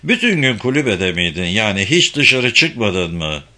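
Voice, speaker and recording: A man's voice: lowish voice, very animated, unhurried, pushed and bright, full character voice. A male reader playing a serious female police officer who questions a witness steadily in an audiobook.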